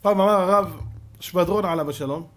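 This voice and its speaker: A man, a rabbi, giving a sermon and firing rhetorical questions at his audience, dropping to a hush and then rising to shouts. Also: high-pitched. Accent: Israeli Hebrew. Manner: dramatic swings from hushed to shouting.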